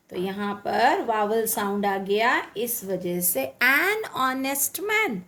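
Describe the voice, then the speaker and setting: A woman teacher explains grammar, drawing each word out very slowly. Her high voice swoops up and down as she repeats examples. She keeps stopping to check that her students follow. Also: a bit bright. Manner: slow, drawn-out, repeats words and checks understanding. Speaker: English teacher.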